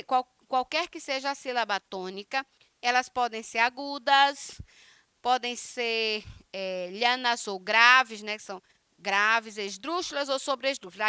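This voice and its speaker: A woman's voice: a little high, bright, forceful tone, smooth, no room sound. A woman with a Brazilian Portuguese accent, teaching a Spanish grammar lesson, explaining step by step and often checking in with her students. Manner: reads Spanish examples slowly and deliberately. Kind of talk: recorded online grammar lesson.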